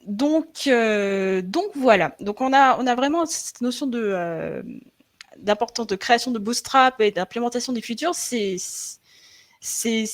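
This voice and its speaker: A young woman giving a live online coding presentation over a computer mic. She talks in a loose, hesitant way, full of fillers and restarts, and checks in with her viewers now and then. Her throat is a little sore. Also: on the high side. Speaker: frontend developer presenting a live webinar. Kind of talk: live tech presentation, conversational.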